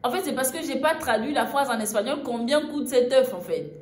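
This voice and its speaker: A woman's voice: high voice, brisk. A young woman from Gabon, casually telling a travel story, full of fillers and asides. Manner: chatty, frequent fillers and "en fait". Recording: echoey room, faint ambient noise.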